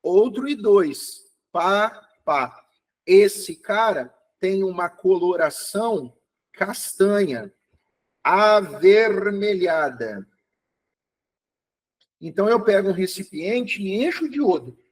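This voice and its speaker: A man's voice: high voice, expressive, slow pace, low-quality recording. A man teaching an online chemistry review live, upbeat and encouraging, checking often that students follow. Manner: calls out to students by name, checks understanding often.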